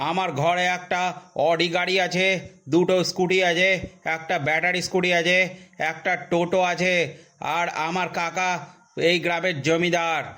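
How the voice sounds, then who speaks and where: Cartoon comedy: man voicing a bragging, forgetful village customer, slightly high voice. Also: pushed and bright. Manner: bragging, dithering, rambling. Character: boastful, forgetful village man shopping for a phone.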